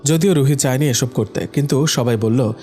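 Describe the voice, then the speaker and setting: A man's voice: mid-range voice, moderate pace, dark tone, faint music behind. A man narrating a romantic audio story in a scripted reading style, voicing the characters himself with small shifts of voice.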